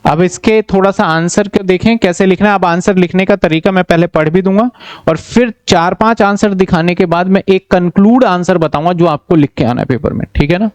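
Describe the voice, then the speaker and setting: A man's voice: high-pitched, a little fast, no room sound. A man teaching a commerce class online, explaining step by step and often checking that students follow. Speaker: commerce tutor.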